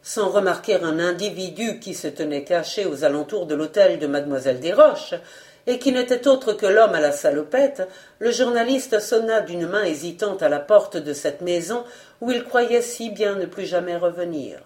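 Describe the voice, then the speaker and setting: A woman reading a novel aloud as narrator, in an expressive, dramatic way. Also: on the low side, normal speed. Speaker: audiobook reader. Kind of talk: scripted narration.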